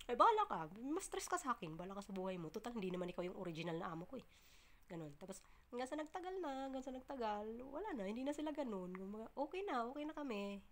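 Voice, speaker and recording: A woman vlogging casually to her viewers, chatty and full of fillers and restarts, often laughing and breaking off to cough or clear her throat. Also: on the high side, very animated, fast talker, a little hiss or hum. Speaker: vlogger, domestic worker abroad.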